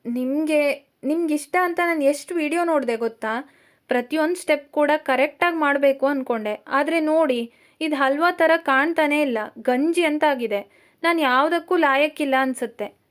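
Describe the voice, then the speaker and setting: A tearful, stubborn young woman, as a woman narrator puts her on in a storybook reading. The voice sits high and pleads in quick, upset outbursts. She sounds close to sobbing. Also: natural voice.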